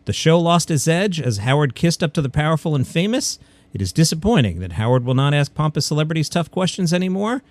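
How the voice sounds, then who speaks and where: On a comedy news podcast, the male host reads stories and tosses in wry, opinionated asides in a partly scripted delivery. His voice is slightly high with big pitch swings, he talks fast, and the recording is dry.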